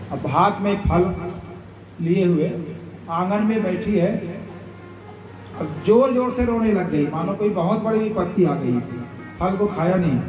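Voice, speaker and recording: High-voiced man telling scripture stories. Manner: explanatory, quotes Sanskrit verses and acts out quoted speech. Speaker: religious storyteller. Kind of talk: scripture storytelling sermon. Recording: echoey hall, far mic, dull sound, crowd.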